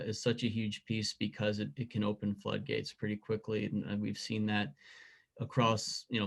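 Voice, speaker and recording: A man's voice: on the low side, gravelly. A man speaking as an investigative reporter on a conference panel, thoughtful and often repeating words as he searches for them.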